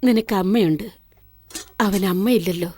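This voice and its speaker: A woman's voice: mid-range voice, normal speed, warm tone, slightly rough, lightly acted. An actress dubbing an elderly grandmother who chides the family and dotes on the children. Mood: chiding. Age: older. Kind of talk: dubbed film dialogue.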